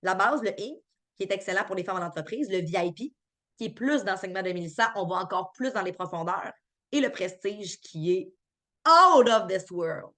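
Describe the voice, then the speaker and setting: This is a woman with a mid-range, fairly bright voice and a brisk delivery. She has a Québécois French accent and keeps things chatty and cheerful while responding to live-stream chat questions, often using fillers and starting over.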